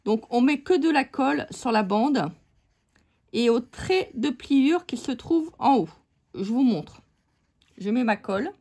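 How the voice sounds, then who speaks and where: Playful woman showing a card craft, talks slow and kinda high, lots of jokes. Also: animated, a little mellow, husky. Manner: joking, playful, teasing the viewers. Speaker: card-making tutorial host. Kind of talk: casual crafting tutorial.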